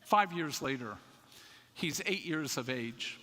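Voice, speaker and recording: An older man giving a conference talk in a church, telling a family story in an animated, self-mocking way. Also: on the high side, slow pace, slight background noise. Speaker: conference speaker. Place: church sanctuary. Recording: echoey church hall.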